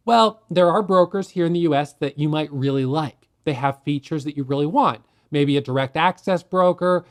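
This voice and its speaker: A man with a fairly high voice talks to camera about day trading, the way a teacher walks a class through a rule. He keeps it conversational and often poses a question before answering it himself. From United States. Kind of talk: explanatory talk to camera.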